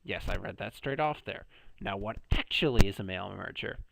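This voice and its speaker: A man's voice: lowish voice, animated, moderate pace, creaky, background noise. A man giving a casual class presentation in a sarcastic, playful, jumpy way. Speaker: student presenter.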